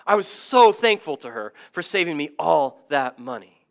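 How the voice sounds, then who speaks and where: A man in his thirties preaching a sermon as pastor, energetic and conversational, with asides and self-deprecating stories. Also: a little high, moderate pace, vocal fry.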